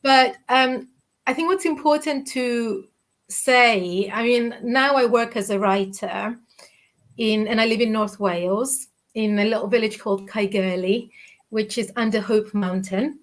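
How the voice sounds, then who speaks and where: A woman in her forties from Cyprus, a children's author, is a guest on an interview, speaking over a webcam video call from her living room. She has a Cypriot Greek accent and a fairly high voice, and she talks a little slowly. She is candid and reflective, often restarting her sentences and using lots of fillers.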